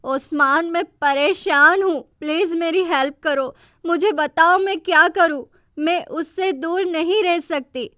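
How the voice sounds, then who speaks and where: A woman's voice: very high-pitched, a little slow, pushed and bright, no room sound, studio quality, exaggerated voice. A woman voicing a young heroine who is heartbroken and defiant, in a pleading, emotional way.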